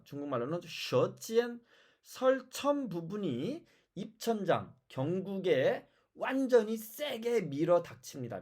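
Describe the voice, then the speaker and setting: A language teacher giving a pronunciation lesson, explaining step by step and repeating example words slowly. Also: mid-range voice, a little mellow, husky. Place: lives in China.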